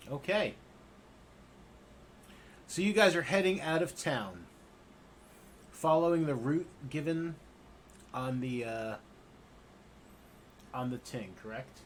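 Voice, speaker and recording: A man's voice: a little high, slow, long pauses, a little hiss or hum. Man running a game over voice chat. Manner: relaxed, rambling, filler-heavy. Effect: online group voice chat, connection drops out. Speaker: game master. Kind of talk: narrating a tabletop game.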